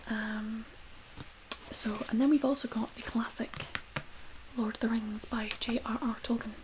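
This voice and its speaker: A woman doing a whispered role-play as a librarian, speaking gently and hesitantly in a soft, breathy whisper. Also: on the high side, steady tone, measured pace, noisy background. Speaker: ASMR creator playing a librarian recommending books.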